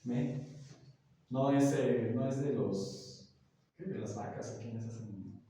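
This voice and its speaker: A man's voice: mid-range voice, slow pace, dark tone, slight background noise. A male teacher, patiently explaining grammar to a class, with many examples and frequent checks that students follow. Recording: echoey classroom, from far off.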